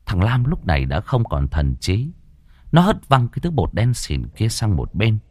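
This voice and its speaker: A man's voice: on the low side, wildly swooping pitch, moderate pace, darkish tone, breathy edge, no room sound, studio quality. A man narrating a scripted horror story in a dramatic storytelling manner.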